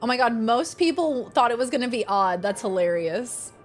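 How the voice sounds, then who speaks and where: A woman with a fairly high voice chats through a live game stream. She is playful, silly and expressive in her casual commentary. Game music plays clearly behind her. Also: moderate pace.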